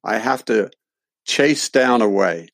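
An older man with an English accent speaks as a podcast guest in a reflective, deliberate way, repeating phrases for weight. His voice is fairly low and the sound is very dry. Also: gravelly, dry recording. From London, England. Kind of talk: reflective explanatory interview talk.

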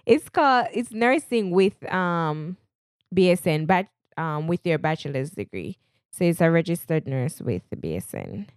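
A woman's voice: fairly low pitch, very animated, normal speed, darkish tone, clean tone, dry recording, clean studio sound. A woman with a Jamaican accent chatting casually as a podcast co-host. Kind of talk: casual chat, self-introduction.

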